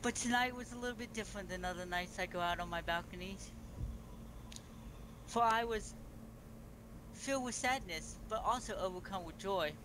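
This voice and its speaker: Lightly acting in a voice that sits high, a man role-plays a pregnant beast-woman empress formally welcoming guests to her feast in a multiplayer game. At normal speed with frequent pauses and restarts, his speech stays grand and stately. The game-chat audio is noisy.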